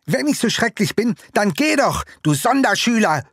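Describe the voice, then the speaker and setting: A man voicing an angry little boy in an audiobook reading, shrill and accusing. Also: big pitch swings, moderate pace, slightly rough, no echo, clean studio sound, heavily acted. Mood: screaming. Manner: shrieking, accusing. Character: furious small boy, shrill and spiteful.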